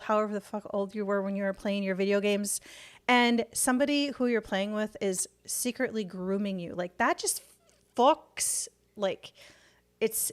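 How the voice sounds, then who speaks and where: A woman's voice: fairly high pitch, clear, resonant tone. Foul-mouthed, fired-up woman streamer. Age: adult parent. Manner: rambling, heavy swearing, fired-up rants. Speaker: streamer reading and reacting to news. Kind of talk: casual livestream chat.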